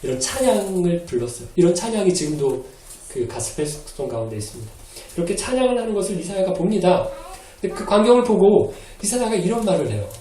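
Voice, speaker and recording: Pastor guy preaching, acts out the quotes, bouncy high voice, roomy church sound. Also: quick pace, slight background noise. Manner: animated, acts out quoted lines with a changed voice. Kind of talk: sermon. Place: church hall. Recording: echoey hall, mic from a distance.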